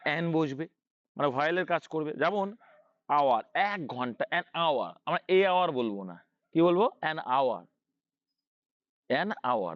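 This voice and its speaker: A Bangladeshi Bengali-accented English teacher gives an online grammar lesson in a fairly high, raised male voice. He poses his own questions, answers them, and repeats the key points. The recording is dry and dull.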